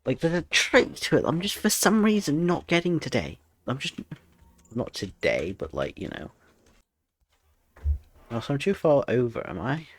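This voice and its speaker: A man's voice: mid-range voice, very animated, moderate pace, long pauses. A man streaming a game, muttering to himself in frustration as he plays. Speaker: gaming streamer. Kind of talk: casual live-stream commentary while playing.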